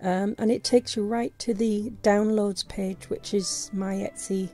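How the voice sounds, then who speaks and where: A woman speaks at medium pitch with fairly even intonation, a bit slowly and warmly, over soft background music. She's a vlogger doing a casual screen-recorded tutorial voice-over, and her sore throat is costing her her voice. She sounds hesitant, filling gaps and starting sentences over often.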